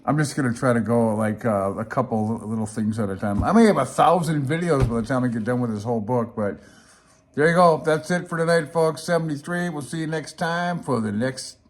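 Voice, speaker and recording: A man with a mid-range voice talks fairly quickly as the host of a casual amateur radio hobby vlog. His off-the-cuff explanations are rambling, folksy, self-deprecating, and unsure.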